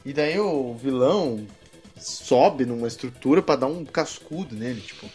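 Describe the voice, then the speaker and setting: A man's voice: mid-range voice, animated, normal speed, a little mellow. Podcast guy rambling thru movie scenes, swears a lot, laughs, mid voice, faint music under. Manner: rambling, slangy and profane, laughing often. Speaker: podcast co-host. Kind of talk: casual film-review chat.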